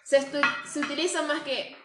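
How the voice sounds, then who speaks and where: A woman from Venezuela with a Venezuelan accent, co-hosting a casual group podcast chat, animated and quick to laugh. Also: sits high, noisy background. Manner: animated, laughs often, quotes phrases in put-on tones. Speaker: podcast co-host. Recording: echoey room.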